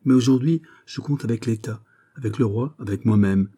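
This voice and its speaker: A man's voice: mid-range voice, normal speed, warm tone, breathy edge, lightly acted. A man reading the part of a proud, anxious finance minister, speaking earnestly. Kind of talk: audiobook character reading.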